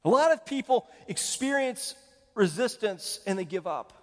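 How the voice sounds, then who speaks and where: A man's voice: high voice, animated, moderate pace, in a large hall. A male pastor preaching a conversational sermon and asking the congregation questions. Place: church sanctuary.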